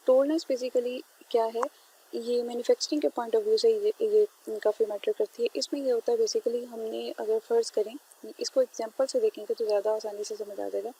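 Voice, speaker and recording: A woman with a mellow, somewhat high voice explains a lesson step by step, pausing often on fillers and checking in with her class. Faint noise hums under the recording. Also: low-quality recording. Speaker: teacher. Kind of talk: classroom lecture.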